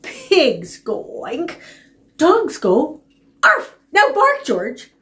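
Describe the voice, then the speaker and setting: A woman's voice: high voice, wildly swooping pitch, fairly bright tone, slight background noise, voice pushed up, full character voice. Woman reading to a toddler as a patient storybook mother dog. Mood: patient, insistent. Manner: slow, emphatic, as if reading to a toddler.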